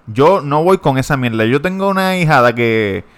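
A man's voice: mid-range voice, expressive, normal speed, fairly bright tone, clean tone. A man, co-hosting a podcast in casual chat, blunt, crude and joking. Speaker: podcast co-host.

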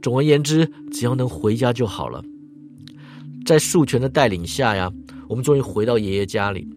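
A man telling a bedtime ghost story in a hushed, suspenseful way. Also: mid-range voice, expressive, fairly quick. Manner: hushed and suspenseful, trailing particles. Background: music.

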